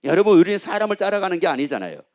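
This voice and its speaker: A man's voice: sits high, sing-song, rapid-fire. A male pastor preaching a sermon, asking rhetorical questions and repeating phrases for emphasis.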